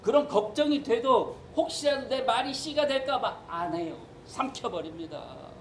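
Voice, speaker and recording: A man's voice: extremely high pitch, expressive, normal speed, slight background noise, poor audio. A man preaching a sermon as pastor, emphatic and acting out the voices he quotes.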